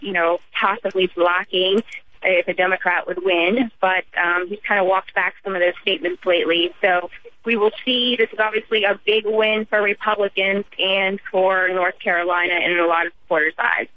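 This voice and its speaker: A woman's voice: medium pitch, little pitch movement, normal speed. Muffled, noisy line, hesitant female field reporter. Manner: hesitant, repeating filler phrases. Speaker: radio political reporter. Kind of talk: unscripted live election report. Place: campaign headquarters event.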